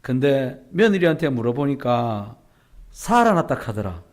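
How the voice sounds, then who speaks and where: A man voicing a chatty elderly village grandmother with a Gyeongsang accent, telling a joke inside a sermon in a slow, drawling gossip. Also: medium pitch, very animated. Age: 70s.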